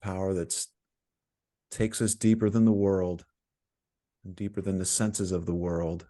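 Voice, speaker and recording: Leading a guided meditation, a man speaks in a low, mellow voice, very slowly and calmly. He leaves frequent pauses between short phrases, soothing and instructive like a teacher settling listeners into stillness.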